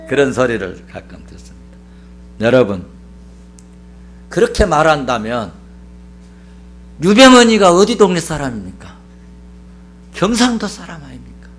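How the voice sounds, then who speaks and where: Animated high-pitched preaching pastor. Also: male voice, slow, long pauses, faint music behind. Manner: emphatic preaching with rhetorical questions and repetition. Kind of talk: sermon.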